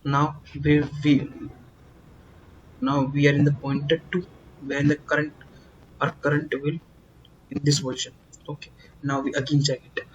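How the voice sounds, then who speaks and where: Guy walking through a coding problem slowly, repeats himself a lot, kinda muffled recording w faint background hum. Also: a little high, level tone. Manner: slow, repetitive, emphatic explaining with many fillers. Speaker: programming tutor. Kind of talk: whiteboard coding lesson.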